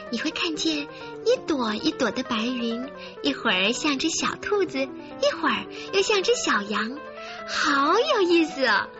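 Woman, children's story host, high voice, expressive and coaxing, muffled recording with faint music behind. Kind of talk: storytelling narration for young children.

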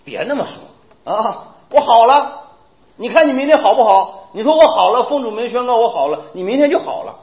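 A man pastor preaching a lively sermon, often asking his listeners whether they understand. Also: very high-pitched, fairly quick. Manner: animated, keeps asking listeners "you know?". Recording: echoey, dull lo-fi room recording.

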